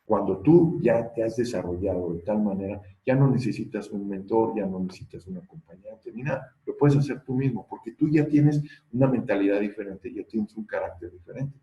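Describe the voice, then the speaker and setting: Man, gravelly mellow voice, earnest coaching tone, motivational talk in an echoey room. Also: fairly low pitch, a little fast, few pauses, muffled recording. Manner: earnest, coaching, quotes people in lively voices. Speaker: speaker on personal growth.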